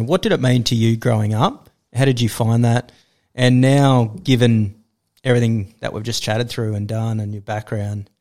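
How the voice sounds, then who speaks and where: A man's voice: mid-range voice, a little mellow. An Australian man hosting a podcast who encourages his guest and asks probing questions in a casual conversation. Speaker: podcast host.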